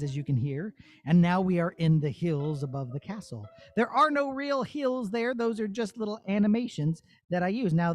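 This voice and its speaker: In a puppet theatre studio, a puppeteer presents his show to children through a demonstration and Q&A, explaining step by step in simple, child-friendly words. His voice is fairly high and a little mellow, with no echo.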